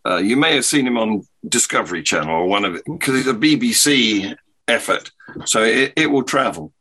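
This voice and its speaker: A man chatting as a guest on a podcast, his voice bright and a little husky. His pitch moves a lot as he searches for words, stopping and restarting with thoughtful pauses. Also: lively intonation. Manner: halting, thoughtful, laughs often. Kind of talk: casual podcast chat.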